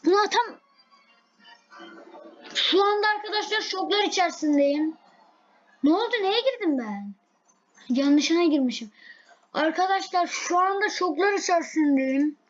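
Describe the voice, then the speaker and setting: A woman commenting live on her own gameplay, excitable and easily frustrated, repeating herself as she plays. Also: high-pitched, dull audio. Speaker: game streamer.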